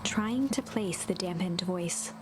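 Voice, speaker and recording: A woman giving hushed scripted storybook narration for a game. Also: lowish voice, takes it slowly, background noise.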